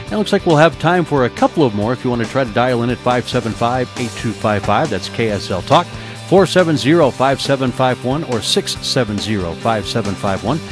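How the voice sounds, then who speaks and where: A man's voice: mid-range voice, animated, a little fast. A man hosting a radio call-in show, announcing in a conversational broadcast style. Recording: radio voice over clear music.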